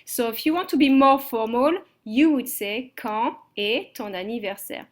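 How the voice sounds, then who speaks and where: A woman's voice: a little high, normal speed. A woman teaching a language lesson from slides, explaining step by step and checking understanding with "okay?". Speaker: French teacher.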